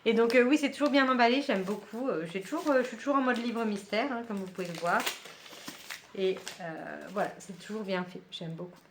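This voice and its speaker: A woman's voice: medium pitch, a little fast, noisy background. A woman book vlogger chatting casually at home while she unboxes a book subscription box, with many fillers and small laughs.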